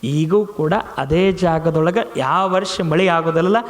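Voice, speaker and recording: A man's voice: a little high, unhurried, in a large hall. A man preaching a devotional sermon. He tells a story and acts out the pleas of villagers and the replies of a saint.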